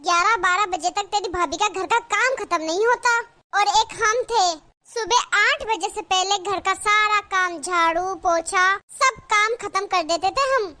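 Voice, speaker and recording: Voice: very high-pitched, a little slow, sharp tone, heavily acted. A voice actor playing a sarcastic, complaining village mother-in-law in a cartoon. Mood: scolding. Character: nagging scolding village mother-in-law, middle-aged woman. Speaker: cartoon character. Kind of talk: cartoon voice acting.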